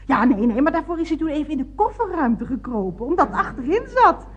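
A woman's voice: high voice, very animated, fast talker, dull audio. An actress playing a scatterbrained, chatty woman motorist rambling on the phone in a radio comedy. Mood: chattering. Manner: gushing, giggly, rambling.

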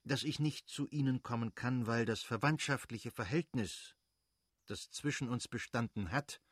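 A man voicing a cold, formal middle-aged official who speaks in measured, distant sentences. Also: mid-range voice, breathy edge, dry recording, clean studio sound, lightly acted.

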